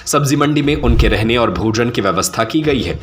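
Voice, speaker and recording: A man's voice: medium pitch, expressive, brisk. A man reading scripted news narration as a reporter in voice-over.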